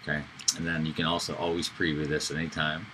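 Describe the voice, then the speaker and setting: A man giving a casual screen-recorded software tutorial, talking loosely with fillers and self-corrections. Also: extremely low pitch, level tone, quick pace, slight background noise, rough recording. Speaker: instructor.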